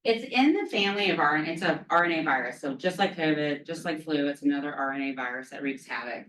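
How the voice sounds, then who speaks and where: A woman's voice: low-pitched, fast, a bit bright. A woman giving an academic lecture on a virus, chatty with frequent ums and offhand self-deprecating asides, recorded in a lecture room. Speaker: infectious disease lecturer. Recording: roomy hall from far off.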